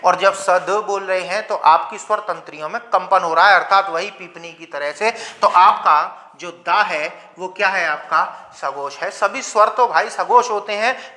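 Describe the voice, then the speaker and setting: With a high-pitched, sharp voice, a man teaches grammar to his viewers in lecture form. He raises rhetorical questions, supplies the answers, and runs them through pronunciation drills.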